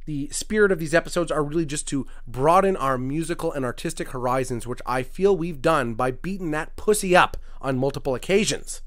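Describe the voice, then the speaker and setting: A man hosting a comedy podcast, reciting rap lyrics word for word in a mock-serious deadpan and stopping to comment dryly on them. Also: on the high side, fairly quick, hardly any pauses. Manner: mock-serious, dry commentary between lively recited lines. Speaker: podcast host.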